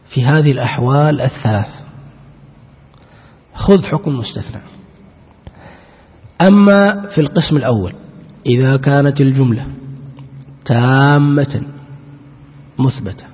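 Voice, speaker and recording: Male grammar teacher, husky voice, quizzes himself aloud and drags out examples; dull lo-fi sound. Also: medium pitch. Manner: asks and answers his own questions, drawls out example sentences. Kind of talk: Arabic grammar lesson. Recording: muffled lo-fi recording with long hall reverb.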